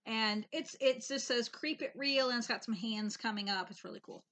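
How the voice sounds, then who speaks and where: A woman co-hosting a casual stitching chat, wry and quick to laugh. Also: on the high side, pushed and bright. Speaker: co-host.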